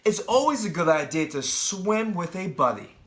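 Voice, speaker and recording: Very animated and fairly bright, this high-pitched man moves at a moderate pace as he reads a picture book to young children. He's a teacher who breaks off for friendly asides and questions aimed straight at the kids. A little hiss or hum sits under the recording.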